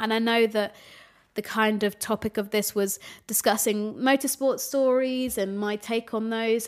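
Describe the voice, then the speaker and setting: Young woman, podcast host, nasal voice, slightly high pitch, casual solo chat, talking to camera at home. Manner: chatty, relaxed, unpolished. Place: home room with changing sunlight. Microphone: camera setup, recorded for video.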